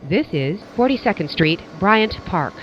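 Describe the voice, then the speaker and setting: A prerecorded subway stop announcement built from spliced-together words, so the station names leap in pitch against the carefully enunciated phrase around them. The sound comes through a muffled train loudspeaker. A faint rumble of the moving car hangs behind it. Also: big pitch swings, measured pace. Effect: spliced together prerecorded words, station names jump in pitch. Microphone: train public-address speaker.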